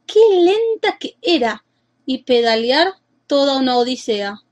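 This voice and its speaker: A woman narrating a children's storybook in a lively, expressive way. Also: high voice.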